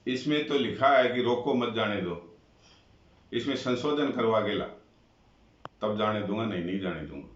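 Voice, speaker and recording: A man's voice: on the low side, expressive, moderate pace, long pauses, distant mic, close to an everyday voice. A man voicing a cunning, bold clerk who talks in a sly, insistent way, recorded in a roomy, dull lo-fi way.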